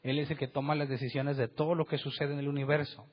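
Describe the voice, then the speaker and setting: Emphatic husky male preacher. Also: fairly high pitch, flat delivery, fast talker. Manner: emphatic, rhetorical questions, acts out quotes. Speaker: pastor. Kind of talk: sermon. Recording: dull lo-fi sound.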